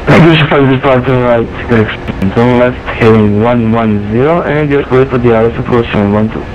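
A man working as an air traffic controller, heard over an aviation radio channel, giving measured instructions in clipped phraseology and reading numbers digit by digit. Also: medium pitch. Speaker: air traffic controller in a flight sim network. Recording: muffled radio with strong static.

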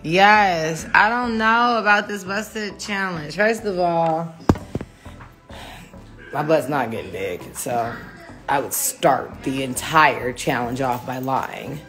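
A woman's voice: deep voice, lively intonation, takes it slowly, music in the background. A woman in her thirties chatting casually on a phone livestream from her home kitchen, rambling and laughing easily. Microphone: phone held close.

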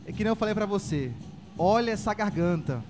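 A man's voice: high voice, animated, a little fast, over music. A Brazilian man giving conversational analysis as a football co-commentator during a live match.

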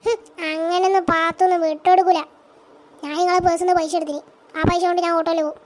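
A woman voicing a naive, chatty middle-aged woman in a cartoon, with a squeaky, argumentative manner. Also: flat delivery, fast talker. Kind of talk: cartoon voice acting.

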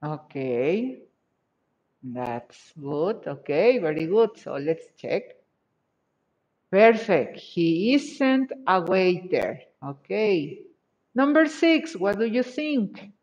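A woman's voice: lowish voice, very animated, extremely slow, a little mellow. A woman English teacher from Mexico, checking answers in an online class with patient, repeated praise. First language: Spanish. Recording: dull lo-fi video call audio.

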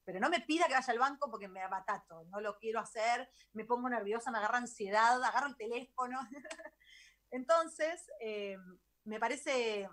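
A middle-aged woman with a Rioplatense Spanish accent, a guest telling her story in a chatty, animated radio interview. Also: fairly high pitch, moderate pace. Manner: animated, chatty, laughs easily. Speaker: guest, travel author. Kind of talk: casual interview talk.

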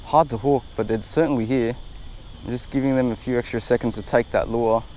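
An Australian man giving chatty, excitable commentary while fishing from a small boat on a river, recorded on an action camera. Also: medium pitch, a little fast, a little hiss or hum, poor audio. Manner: chatty and excitable, laughs often. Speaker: fishing vlogger.

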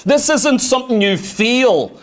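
A man's voice: extremely high pitch, animated, unhurried. A man. He drives his points home with rhetorical questions and reads scripture in old-fashioned wording, stressing key words. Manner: emphatic, rhetorical questions, quotes scripture in King James wording. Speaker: preacher. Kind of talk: sermon.

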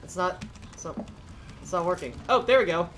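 A woman's voice: fairly low pitch, lively intonation, fairly quick, a little hiss or hum. Jumpy, shrieking woman streamer. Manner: shrieks, stammers and laughs nervously. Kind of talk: frantic gaming stream chat.

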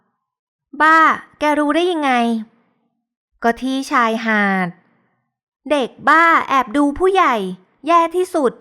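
A snappish, hot-tempered young elder sister from a romance audiobook, as a woman narrator puts her on. She scolds and snaps in a raised, high voice that stays smooth and clear. Stubborn and quick to bristle. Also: fairly bright tone, natural voice. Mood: agitated scolding.

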